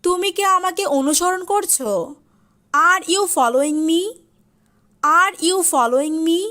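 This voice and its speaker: A woman teaching spoken English, reading short phrases in Bangla and saying each English phrase twice, slowly and deliberately. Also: extremely high pitch, pushed and bright. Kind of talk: slow English phrase drill with Bangla translations.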